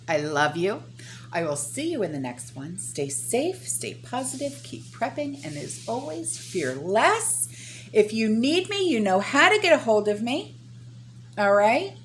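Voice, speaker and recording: A woman's voice: medium pitch, slight background noise. A woman vlogging casually to her viewers, talking in a blunt, emphatic, folksy and sweary way. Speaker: vlogger addressing channel viewers. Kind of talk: casual opinionated vlog talk.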